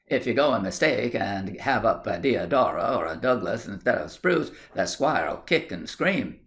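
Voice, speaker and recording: A man's voice: fairly low pitch, big pitch swings, normal speed, fairly bright tone. A man reading aloud and voicing a blunt, good-natured young village lad with broad rustic country speech and a joking manner. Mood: cheerful.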